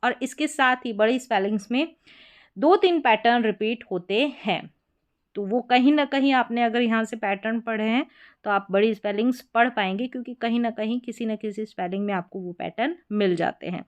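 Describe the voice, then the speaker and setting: A woman's voice: on the high side, normal speed. A woman teaching English reading, patiently spelling words out letter by letter and repeating each pronunciation. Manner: repeats words and checks in with short affirmations. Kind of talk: explaining spelling patterns step by step.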